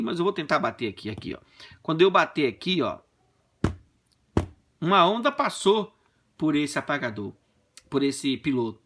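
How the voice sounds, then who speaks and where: A man teaching a physics class in a classroom, explaining with playful, animated stories. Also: on the high side, slight background noise. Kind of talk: lively classroom lesson with comic anecdotes. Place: classroom with a whiteboard.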